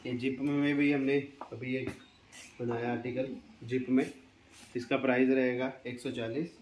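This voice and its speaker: A man's voice: medium pitch, a little slow. A young man who owns a clothing factory, walking through his products one by one and stating each price steadily. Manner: steady, listing items and prices. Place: clothing showroom indoors. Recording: roomy echo, light background noise.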